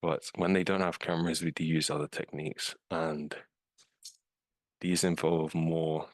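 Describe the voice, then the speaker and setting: Flat and measured, a British man with a bass voice walks through a scam case on slides during a video-call webinar, with no echo in the audio. He's an investigator, and his talk is informal and loose, dotted with "um" and "like".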